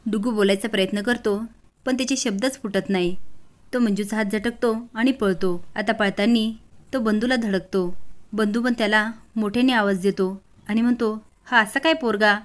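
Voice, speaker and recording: A woman narrating a family drama story in a steady storytelling manner. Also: mid-range voice, moderate pace.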